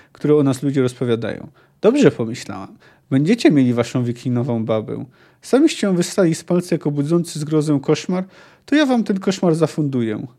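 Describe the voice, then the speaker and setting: Dry calm old druid woman, a guy reading her, mellow voice, no nonsense. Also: a little high. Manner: calm, dry, matter-of-fact. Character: cold, gentle-eyed older female druid leader.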